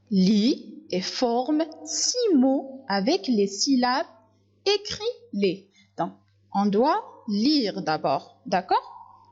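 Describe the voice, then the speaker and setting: Lady teacher going really slow for little kids, repeats every word, bouncy voice, dull lo-fi sound. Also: on the high side, a little mellow. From North Africa. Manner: slow, deliberate, repeats each word, syllable by syllable. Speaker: primary school French teacher. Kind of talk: slow classroom lesson for young children.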